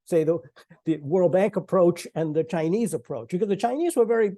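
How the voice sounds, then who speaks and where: Older man, from Sri Lanka, warm mellow tone, panel talk, loose and halting phrasing. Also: high voice, animated. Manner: conversational, many restarts and fillers, laughs lightly. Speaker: panel speaker. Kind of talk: online panel remarks.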